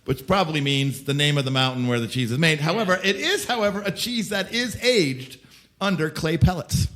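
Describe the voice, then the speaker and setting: A male quiz host with a fairly high, very lively voice. He reads each question with mock seriousness and breaks into laughter with the panel. The tone is playful throughout. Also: fairly quick. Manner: playful, laughing often, announcing answers with mock gravity. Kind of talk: comedic panel quiz hosting.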